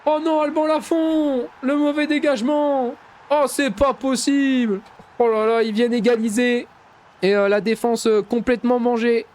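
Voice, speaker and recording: A man giving excited play-by-play commentary over a football video game, shouting out goals like a mock commentator and dropping into low mumbled asides between bursts. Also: normal speed. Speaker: gaming YouTuber.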